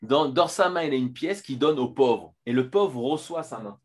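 A man teaching a filmed Torah lesson, lively, with many restarts and fillers. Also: mid-range voice, normal speed.

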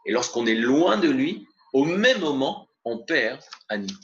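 A man teaching a spoken religious lesson in a gravelly, mid-pitched voice, expressive as he explains and mixes Hebrew terms into the talk. The recording sounds dull and lo-fi. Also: a little slow, a little hiss or hum. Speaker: Torah teacher.

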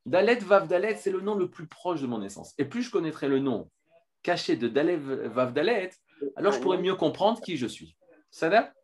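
Guy giving a torah lesson on camera, lively, lots of euh and restarts. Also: fairly high pitch, moderate pace. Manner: lively, with many restarts and filler sounds. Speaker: Torah teacher.

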